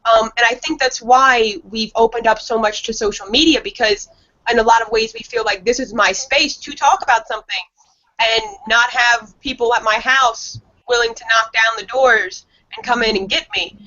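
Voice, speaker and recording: A woman speaking as a guest on an online panel, explaining her points in a measured way with frequent ums. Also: fairly high pitch, sharp tone. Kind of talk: casual panel discussion. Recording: lo-fi online call audio.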